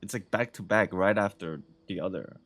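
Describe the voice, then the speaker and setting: A woman's voice: extremely low pitch, normal speed. A woman streamer giving casual, joking commentary on a game she is playing, reacting with slang and the odd swear word. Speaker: gaming streamer.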